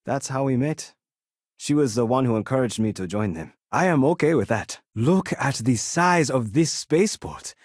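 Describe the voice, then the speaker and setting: Male actor as young game crewmate, kindly, courteous, formal wording, expressive intonation, dry studio sound. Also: medium pitch, no room sound, close to an everyday voice. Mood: courteous, earnest. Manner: polite, measured, formal phrasing with few contractions. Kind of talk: video game dialogue acting.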